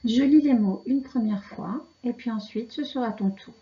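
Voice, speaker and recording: A woman teaching children to read, pronouncing syllables and words slowly and carefully. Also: a little high, dull audio. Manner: slow, carefully articulated dictation. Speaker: reading teacher. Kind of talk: slow reading lesson for children.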